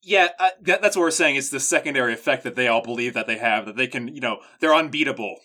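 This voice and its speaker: Bright-voiced man pitching ideas eagerly. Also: quick pace. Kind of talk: casual brainstorming chat.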